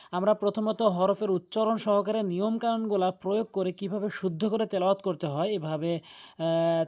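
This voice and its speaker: A man with a high-pitched voice gives a Quran recitation lesson. He is earnest and emphatic, drilling each letter and vowel mark one at a time and stressing the rules hard. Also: a little mellow.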